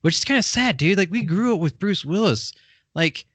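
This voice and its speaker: A man co-hosts a movie podcast, rambling loosely with plenty of fillers and laughs. His voice sits high, animated and a bit bright, slightly rough, at a moderate pace, with no room sound.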